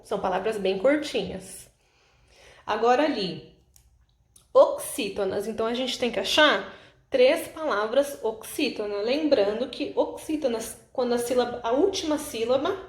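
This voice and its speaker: Patient Brazilian teacher in an echoey room. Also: female voice, a little high. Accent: Brazilian Portuguese. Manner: patient, explanatory, checks in with frequent "tá?". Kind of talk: correcting homework exercises.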